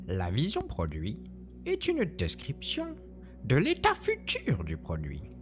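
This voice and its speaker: A woman's voice: extremely low pitch, wildly swooping pitch, slow, over music. A woman presenting a scripted, playful explainer in a theatrical, teacherly manner. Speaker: podcast presenter.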